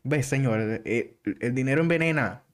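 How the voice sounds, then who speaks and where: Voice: medium pitch, normal speed. Brief: podcast host, casual, chatty, leads the talk. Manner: chatty, brings up topics. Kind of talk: casual chat.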